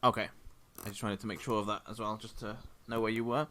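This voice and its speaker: A man acting as game master, narrating a tabletop game casually in a hesitant, halting way. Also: on the low side, little pitch movement, fairly bright tone, slight background noise.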